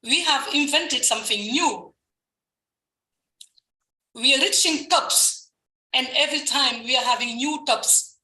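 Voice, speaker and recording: A woman's voice: sits high, a little slow, pauses often, bright, forceful tone, reverberant, low-quality recording. A woman speaking eagerly and upbeat to an online group of women on a video call. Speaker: guest speaker. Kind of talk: enthusiastic speech.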